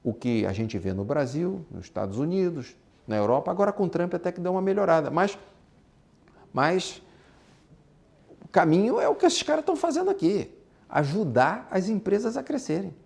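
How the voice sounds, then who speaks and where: A man with a Brazilian accent, working as a business instructor, gives a relaxed lecture about exporting and business. His voice sits high and sounds sing-song, creaky, and a little mellow, at a moderate pace. He is emphatic, repeats himself on key points, and poses rhetorical questions.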